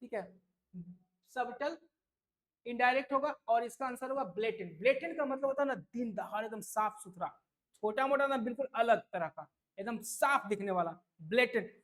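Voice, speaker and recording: A man with a very high, fairly bright voice gives a relaxed tutoring session on English exam vocabulary. Chatty throughout, he regularly checks in with listeners using "है ना?" and "ठीक है."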